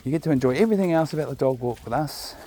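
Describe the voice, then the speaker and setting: Walking his dog along outdoor park trails, a man with a New Zealand accent chats casually to viewers in a rambling monologue captured on a chest-mounted camera. His warm voice sits on the high side, moves very fast with lively intonation, and he's laid-back with jokey asides. There's slight background noise.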